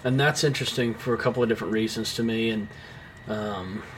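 A man's voice: lowish voice, steady tone, brisk, slight background noise. A young man co-hosting a podcast, talking through a film in a rambling, casual way with lots of fillers and restarts, swearing now and then. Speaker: podcast co-host.

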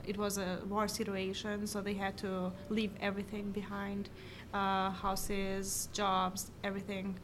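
A woman in her twenties from Kosovo, speaking English with an Albanian accent, chatting haltingly with many fillers and restarts in an interview. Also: medium pitch, monotone, background noise. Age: 20s. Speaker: interview guest, coffee shop worker. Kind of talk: casual interview chat. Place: basement seating of a coffee shop. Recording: music playing in a cafe. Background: music.

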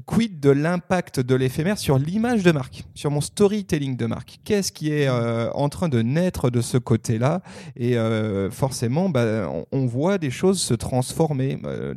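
French guy co-hosting a podcast, gravelly low-toned voice, lots of euh and restarts. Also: dark tone, no room sound, studio quality. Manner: hesitant, many fillers and restarts. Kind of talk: casual podcast discussion.

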